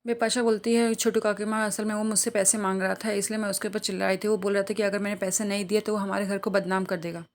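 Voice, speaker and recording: A woman narrating a TV serial episode recap, retelling the scenes briskly and reading the characters' quoted lines in her own plain voice. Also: mid-range voice, flat delivery. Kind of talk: rapid plot-recap narration.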